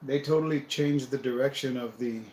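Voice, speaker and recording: A man hosting a building-set livestream, chatting casually and thinking aloud in a relaxed, self-deprecating way. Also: mid-range voice, normal speed, reverberant, rough recording.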